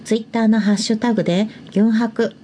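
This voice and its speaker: A woman reading a scripted show announcement in a clear announcing tone. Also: on the high side, fairly even intonation, brisk, warm tone, a little hiss or hum, natural voice.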